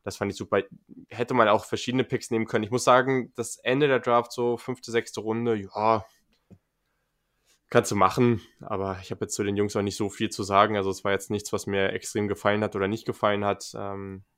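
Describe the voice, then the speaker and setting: Man, somewhat low voice, casual podcast chat, enthusiastic, lots of fillers. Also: little pitch movement, fairly quick, fairly bright tone. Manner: chatty, enthusiastic, frequent fillers. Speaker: podcast panelist.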